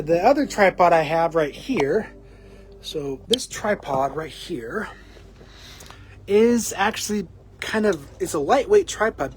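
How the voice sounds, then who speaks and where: A man talking casually on a home live-stream vlog, halting and rambling with many restarts, short of breath. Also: on the high side, darkish tone, slight background noise, poor audio. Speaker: vlogger. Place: at home indoors. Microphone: camera on a small tripod.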